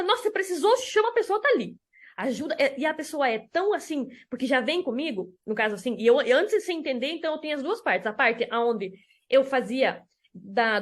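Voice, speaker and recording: A woman with a high voice gives a casual teaching talk as a therapist. She tells personal stories and voices both sides of conversations in an animated way. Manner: animated storytelling, acts out dialogue. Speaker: enneagram therapist. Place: lives in Spain.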